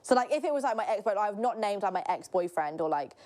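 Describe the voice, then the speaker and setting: Guest: fast-talking woman in her twenties, candid, swears a lot. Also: medium pitch, lively intonation, a little mellow. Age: 20s. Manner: candid, rambling, swears freely. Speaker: podcast guest, social media creator. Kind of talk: casual chat.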